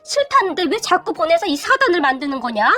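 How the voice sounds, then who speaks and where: A woman's voice: very high-pitched, very animated, a little fast, bright, forceful tone, soft background music, full character voice. A woman voicing a stern older mother-in-law who scolds firmly. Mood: stern, scolding. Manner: firm, scolding.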